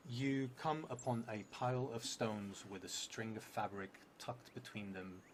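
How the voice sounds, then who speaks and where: Thinking aloud through his solo roleplaying story, a low-pitched streamer in his thirties speaks unhurriedly, hesitant and musing, his sentences trailing away. He's indoors at a table in a theatre room, and clear background noise runs through the recording.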